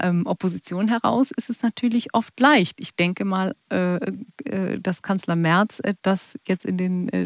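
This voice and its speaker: A woman's voice: medium pitch, no echo. Woman interviewer, close and dry. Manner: conversational, hesitant fillers. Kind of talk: interview questions.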